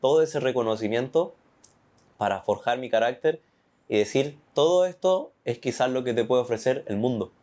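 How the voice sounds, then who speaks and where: A young man with a Chilean accent giving an earnest, animated personal faith testimony. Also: medium pitch, normal speed. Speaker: testimony guest.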